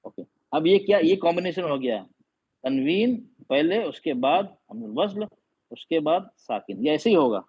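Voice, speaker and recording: धीरे-धीरे समझाता, सवाल पूछता पुरुष शिक्षक. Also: male voice, fairly high pitch, lively intonation, moderate pace, husky. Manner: patient, quizzing students repeatedly. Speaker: Quran teacher. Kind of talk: online class teaching. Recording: dull lo-fi audio.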